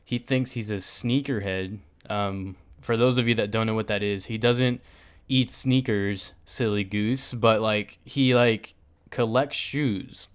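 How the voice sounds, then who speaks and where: A young man hosting a casual solo podcast, rambling and joking with animated asides. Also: lowish voice, unhurried, clear, resonant tone. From United States. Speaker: podcast host.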